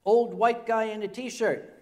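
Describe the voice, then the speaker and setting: A man voicing a cicada in a told story, speaking in a deadpan, matter-of-fact way, with a fairly high voice. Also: a little slow. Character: buzzing cicada mistaken for a ride.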